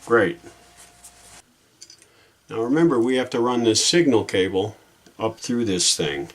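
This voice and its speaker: A man hosts a how-to video as a repair hobbyist, working through a fix and thinking out loud in a relaxed, folksy manner. His voice runs on the low side, animated yet unhurried.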